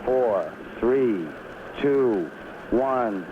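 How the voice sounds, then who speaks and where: Slow-paced male launch control announcer, muffled. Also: medium pitch, expressive. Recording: very muffled, noisy 1960s archive broadcast.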